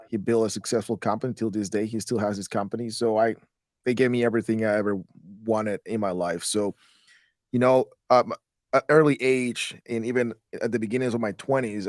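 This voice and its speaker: A Guatemalan real estate investor in his thirties talks casually as an interview guest in a lowish voice, rambling and repeating words as he often restarts them. The recording is studio quality with no echo.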